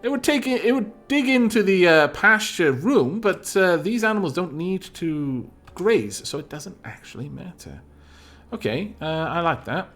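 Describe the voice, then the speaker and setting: At a moderate pace and with a lively pitch, a Welsh-speaking streamer from Wales talks through a game in a relaxed way. He rambles, thinks out loud and slips in dry remarks while faint music plays behind him.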